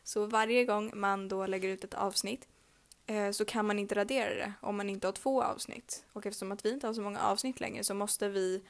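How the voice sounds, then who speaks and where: A woman's voice: mid-range voice, steady tone, hardly any pauses. A young woman hosting a casual podcast, rambling with many fillers and jokes. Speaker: podcast host.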